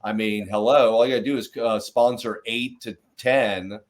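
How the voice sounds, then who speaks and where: A man's voice: medium pitch, steady tone, normal speed. A man hosting a casual interview, talking with energy and rambling through many fillers and restarts. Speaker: podcast host.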